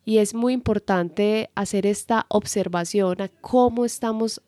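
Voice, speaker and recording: A woman co-hosting a relationship advice talk, calm and explanatory with some false starts. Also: mid-range voice, measured pace, no room sound. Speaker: co-host and relationship coach. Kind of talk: casual advice talk to viewers.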